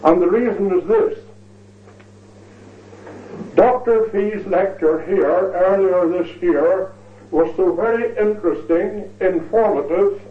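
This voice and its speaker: High-voiced lecturer, tinny distant. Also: male voice. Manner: measured, ornate, repeats phrases for emphasis. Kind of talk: formal history lecture. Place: lecture hall. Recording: tinny, echoey recording from far off.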